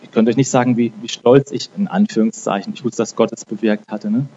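Man preaching casually, dark voice. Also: medium pitch, steady tone, fairly quick, highs cut off, a little hiss or hum. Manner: conversational, frequent "ne?" tags; repeats and restarts words. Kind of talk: informal sermon with prayer.

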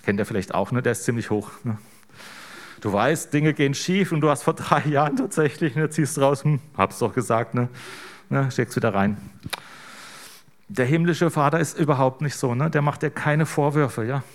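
A man's voice: medium pitch, moderate pace. A middle-aged man preaching a conversational sermon, chatty and informal, often ending phrases with a questioning tag to the congregation. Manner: casual, keeps adding "ne?" to draw in listeners.

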